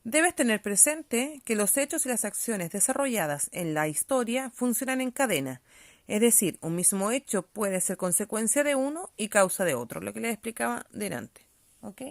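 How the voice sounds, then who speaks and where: A woman's voice: medium pitch, sing-song, normal speed, no room sound, studio quality. A woman teacher giving a reading-comprehension lesson, explaining patiently and often checking that pupils follow.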